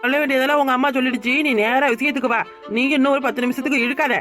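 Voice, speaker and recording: A woman's voice: sits high, steady tone, rapid-fire, fairly bright tone, faint music behind. A woman with a southern Tamil accent, making mocking, sarcastic comments on a cartoon scene. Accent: southern Tamil Nadu. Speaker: comic commentator.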